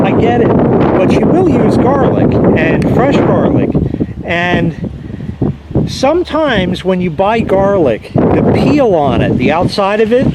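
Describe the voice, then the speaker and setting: An American man rambling casually, with a profane and opinionated manner, recorded outdoors. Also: high voice. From United States. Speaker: vlogger. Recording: loud wind and traffic noise.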